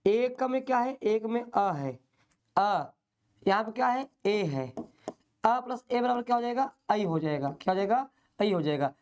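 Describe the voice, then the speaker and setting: A man's voice: high voice, animated, normal speed, darkish tone. A male teacher giving an online exam-prep lecture, patiently explaining and drilling by repeating questions and answers.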